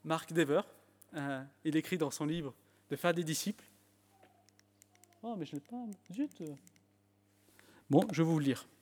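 Slightly high and a bit mellow, this man's voice has lively intonation and a measured pace with long pauses. He preaches a sermon in French with an English accent, at times emphatic, restarting phrases with fillers, all within a church hall's long reverb.

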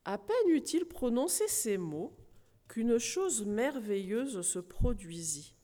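A woman preaching who reads a storybook aloud slowly and expressively to a congregation in a church hall. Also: fairly high pitch. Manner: slow, expressive reading. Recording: reverberant hall.

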